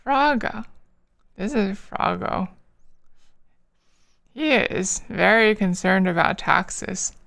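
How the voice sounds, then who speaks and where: A woman's voice: medium pitch, animated, takes it slowly, gravelly, pauses often. A tired woman streamer chatting casually with her viewers while she draws, rambling with lots of fillers. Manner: rambling, many fillers, soft laughs.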